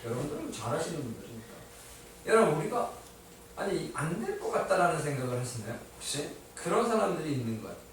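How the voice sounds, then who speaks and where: A man's voice: on the high side, sing-song, fast talker, a little hiss or hum. A male pastor preaching a sermon. He keeps asking his congregation questions and answers them himself, with a touch of light humor. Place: church sanctuary. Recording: echoey hall, mic at a distance.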